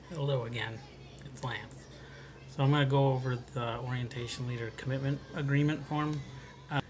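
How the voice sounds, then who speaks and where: Even-toned American man, noisy background. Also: mid-range voice, fairly quick. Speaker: orientation staff organiser. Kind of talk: informal explanation of rules. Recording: clear ambient background noise.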